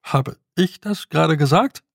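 A man's voice: a little high, a little slow, vocal fry, dry recording, studio quality. A man voicing a polite, pedantic male toad who talks like a lawyer, in an audiobook. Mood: fussy. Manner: prim, apologetic, pedantic.

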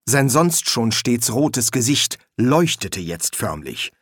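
An audiobook narrator reading a comic fantasy story in a measured, expressive way. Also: medium pitch, breathy edge, no room sound, studio quality. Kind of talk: scripted narration.

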